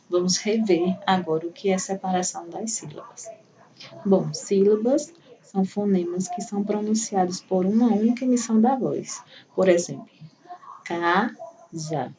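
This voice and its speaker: A woman teacher giving a patient primary school lesson, walking through examples one by one. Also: medium pitch. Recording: voice a bit far from the mic, faint room noise.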